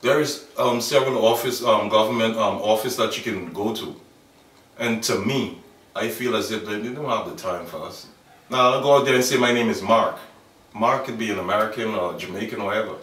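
Recorded from a distance, a man in his thirties with a Bahamian accent speaks in a lowish, slightly bright voice during a documentary interview. He is earnest but halting, using many fillers and often restarting his sentences. He stands outdoors by a wall in a yard, and the echoey audio sounds like an off-mic camera.

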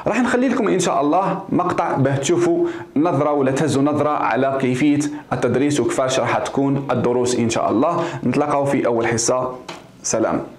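A man's voice: medium pitch, quick pace. A man with an Algerian Arabic accent, an English teacher giving an overview of a course and mixing Arabic with English and French terms. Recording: echoey room.

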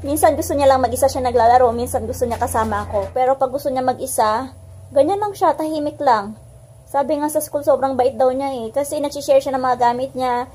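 A woman's voice: sits high, brisk, a little mellow, slight background noise. A woman in her thirties chatting to a handheld phone camera as she vlogs about her day at home and in the backyard. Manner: chatty, talks to camera while doing chores. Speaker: vlogger. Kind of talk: casual home vlog. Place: house and backyard.

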